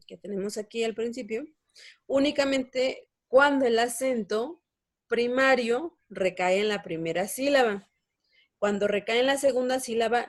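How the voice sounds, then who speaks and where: A woman's voice: a little high, darkish tone. A young woman teaching a language lesson, explaining step by step and checking in with her students. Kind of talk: online lesson.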